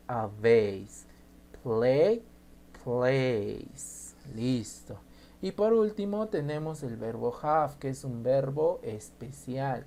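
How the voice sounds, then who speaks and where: A man teaching an English grammar lesson, slowly spelling out and repeating each example. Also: mid-range voice, mellow, a little hiss or hum.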